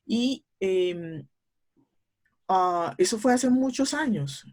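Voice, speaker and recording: A woman's voice: medium pitch, animated, a little mellow. Middle-aged woman explaining like a teacher. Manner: measured, teacherly, with frequent hesitation fillers. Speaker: speech therapist guest. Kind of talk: explanatory interview talk.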